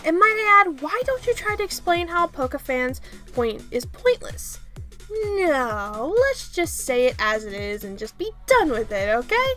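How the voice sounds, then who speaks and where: A woman's voice: sits high, sing-song, measured pace, a bit bright, faint music behind. A woman giving a commentary rebuttal in an exasperated, sarcastic way, swearing often.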